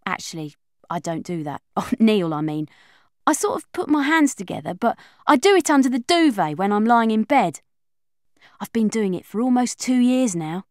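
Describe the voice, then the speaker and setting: A woman with a fairly high pitch narrates at a moderate pace, speaking as a young girl in a first-person children's audiobook. The tone is chatty, confiding and lively, like a schoolgirl, captured in clean studio sound without room noise.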